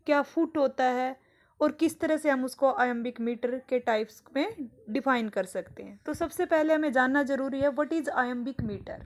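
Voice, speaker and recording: A woman teacher with an Indian accent explaining poetry terms, asking herself questions and answering them. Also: high-pitched. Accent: Indian English. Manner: reads English definitions slowly and deliberately. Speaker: English teacher. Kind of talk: online exam-prep lesson, Hindi mixed with English.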